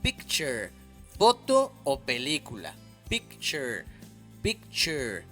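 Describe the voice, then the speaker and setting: A man teaching an English lesson, patiently repeating each word slowly and clearly. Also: mid-range voice, huge pitch swings, sharp tone, faint music behind. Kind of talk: slow, careful language lesson.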